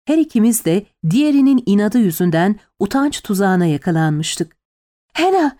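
Female audiobook narrator, mid-pitched voice, measured storytelling delivery. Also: lively intonation, mellow. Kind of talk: scripted narration.

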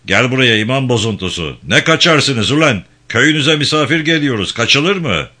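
A man reading a novel aloud, voicing a harsh, bullying gendarme chief who shouts threats and insults. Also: lowish voice, expressive, normal speed, pitched above the performer's own voice. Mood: barking, menacing.

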